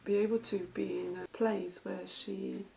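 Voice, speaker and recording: A woman, a parent carer, speaking hesitantly in an interview, with halting restarts. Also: medium pitch, steady tone, gravelly, dark tone, slight background noise, rough recording. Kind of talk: interview testimony. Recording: guitar music playing behind.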